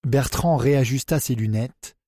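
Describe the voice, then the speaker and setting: A man narrating a thriller audiobook in an even, measured reading. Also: medium pitch, no room sound, clean studio sound. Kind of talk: scripted narration.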